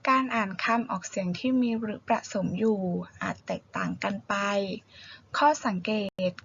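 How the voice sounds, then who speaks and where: Female teacher, slow and deliberate, slight vocal fry, dull lo-fi sound. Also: mid-range voice, fairly bright tone, slight background noise. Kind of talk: classroom lesson on reading aloud. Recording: dull lo-fi recording.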